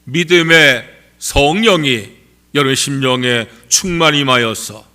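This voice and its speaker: A man preaching a Sunday sermon as pastor, measured and emphatic, with rising stresses and formal blessings. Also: mid-range voice, bright, forceful tone, clear, resonant tone. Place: church sanctuary.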